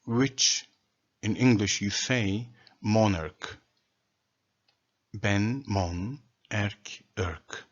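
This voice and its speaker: A man delivers a solo lecture in a low, slightly husky voice. He speaks very slowly and deliberately, setting out word after word. The recording sounds dull and lo-fi. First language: Turkish. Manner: slow, deliberate, lists words one by one. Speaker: presenter of a language theory.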